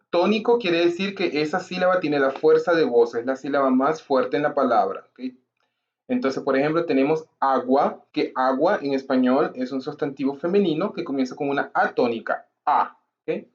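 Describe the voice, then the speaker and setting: A man's voice: medium pitch, normal speed, highs cut off. A male language teacher explaining grammar patiently, repeating examples and checking in with his listeners. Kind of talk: grammar lesson to camera.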